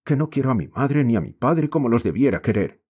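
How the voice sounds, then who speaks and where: A man's voice: medium pitch, big pitch swings, a little fast, darkish tone, slightly rough, voice pushed up. A man with a Spain accent voicing a restless, despairing mining boy in an audiobook, with impassioned, frustrated outbursts. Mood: desperate, pleading. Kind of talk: audiobook character reading.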